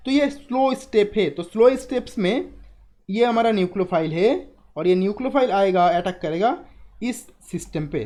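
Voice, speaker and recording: A man's voice: high voice, a little mellow. A young adult man teaching chemistry in a live online class, explaining step by step, repeating key terms and asking students questions.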